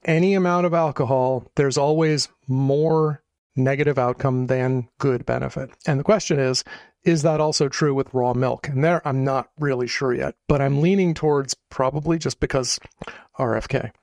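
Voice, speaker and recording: A man's voice: medium pitch, steady tone, normal speed, darkish tone, no room sound. A man co-hosting a casual talk show, rambling and hedging as he thinks aloud. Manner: rambling, hedging, self-correcting. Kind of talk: casual chat.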